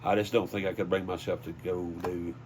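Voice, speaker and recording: An older man with a Southern US accent, a high school sports PA announcer, tells folksy, anecdotal stories casually while being interviewed. His voice is deep and a little mellow, with flat, brisk delivery and slight background noise.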